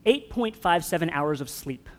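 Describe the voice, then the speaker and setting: A man preaches a relaxed, joking sermon and asks his congregation easy questions. His voice sits a bit high for a man. The sound trails off in the long reverb of a church hall. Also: normal speed. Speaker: pastor.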